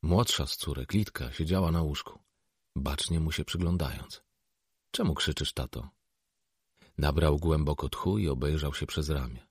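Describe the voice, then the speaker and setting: This is scripted narration of a novel by a male audiobook narrator with a very low, husky voice. His reading is even and measured, recorded dry and close with no ambient room sound.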